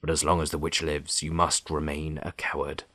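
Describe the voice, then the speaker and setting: A man voicing a great and terrible wizard in a children's storybook, low, quiet, solemn and imperious. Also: completely flat delivery, normal speed, no room sound, clean studio sound, heavily acted. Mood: stern. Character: great terrible wizard speaking as a ball of fire.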